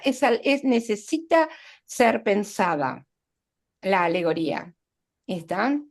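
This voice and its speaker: A woman's voice: a little high, creaky. A woman teaching literature in an online class, explaining literary devices step by step with examples and checking in with her students.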